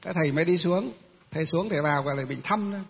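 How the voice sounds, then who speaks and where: A Buddhist monk telling a long story in a rambling, halting way, with many filler pauses. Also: male voice, a little high, gravelly, slightly rough. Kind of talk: storytelling Dharma talk. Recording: tinny phone-like sound with long reverb.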